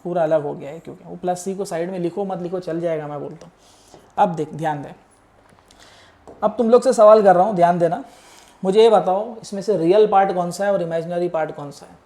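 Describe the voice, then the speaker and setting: A man's voice: sits high, brisk, mellow. Casual man tutoring exam math. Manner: casual, coaxing tone, addresses students as beta; works through steps aloud while writing. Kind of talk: exam-prep lecture.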